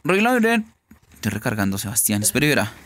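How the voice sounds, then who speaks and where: A man's voice: medium pitch, sing-song, quick pace, a bit bright, a little hiss or hum. A man learning a mobile shooter game, panicking and exclaiming as he plays. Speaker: novice player. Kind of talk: excited gaming chat.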